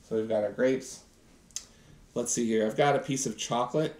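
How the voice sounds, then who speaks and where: In a home kitchen set indoors, a science-teacher host in his thirties gives an enthusiastic, chatty live demo straight to the audience. His mid-range voice is steady and darkish at normal speed, with the recording picking up a roomy kitchen echo.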